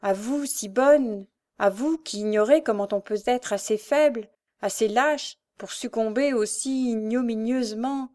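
A woman's voice: a little high, a little slow, darkish tone, natural voice. A woman voicing a desperate, tormented young woman thief with pleading, impassioned outbursts. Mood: anguished.

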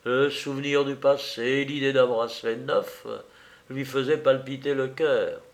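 A man narrating a classic novel as an audiobook, reading with lively expression. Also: mid-range voice, unhurried.

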